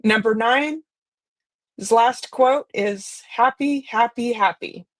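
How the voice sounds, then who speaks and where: A woman's voice: a little high, slow, no echo. A woman co-hosting a live talk, reading spiritual quotes aloud with emphatic delivery.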